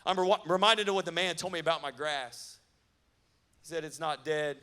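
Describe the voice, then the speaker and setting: A man preaching at a youth camp, lively and conversational with asides to the crowd. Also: on the high side, moderate pace. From not from the American South. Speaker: youth pastor. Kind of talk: sermon.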